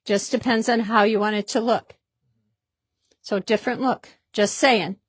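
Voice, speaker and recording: A woman's voice: mid-range voice, steady tone, unhurried, dry recording, studio quality. A woman hosting a casual product demonstration in a fabric shop, chatty and upbeat, often repeating herself.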